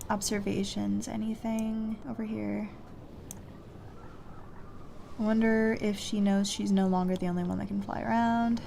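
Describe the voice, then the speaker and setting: A woman streams a puzzle game with game music playing behind her, musing to herself and reading clues aloud in casual commentary. Her mid-range voice is gravelly and dark, with little pitch movement, a measured pace and long pauses. A slight hiss or hum runs under the recording.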